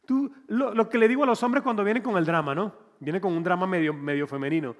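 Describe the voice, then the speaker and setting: Pastor, animated sermon. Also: male voice, high-pitched, fast, big-room sound. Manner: animated, conversational, acts out quotes.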